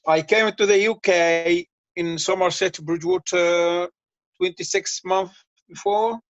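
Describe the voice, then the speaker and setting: A man from Syria with a Syrian Arabic accent, talking on a video call in halting, simple English with lots of repeated words, tired and thirsty from fasting. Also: high voice, fairly even intonation, no echo, highs cut off. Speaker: guest. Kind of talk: casual chat on a video call.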